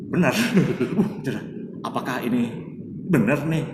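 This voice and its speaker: A man's voice: medium pitch, lively intonation, moderate pace. A man telling a story as a guest in a casual interview, chatty, speaking of himself by his own name, with many fillers. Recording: echoey distant room with faint noise.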